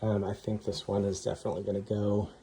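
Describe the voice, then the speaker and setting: A man casually narrating a walking tour of a house, offhand and relaxed with frequent ums. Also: on the low side, quick pace, a little hiss or hum. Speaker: home tour host. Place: inside a house being toured.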